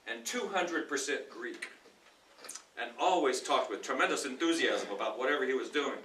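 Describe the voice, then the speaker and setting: A man reads nonfiction aloud as a speaker in a reading contest, with a bright, forceful voice. His delivery is deliberate and emphatic, broken into short phrases. The room echoes around him and the microphone sits at a distance. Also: mid-range voice. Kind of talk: expressive reading aloud of nonfiction to a live audience. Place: indoor room at a speaking club meeting. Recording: roomy, distant mic with faint noise.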